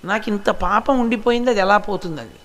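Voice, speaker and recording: A remorseful woman pleads anxiously for relief, voiced by a man in a devotional discourse. The voice stays high and worried. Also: a little fast, a bit bright. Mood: pleading. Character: remorseful woman seeking forgiveness.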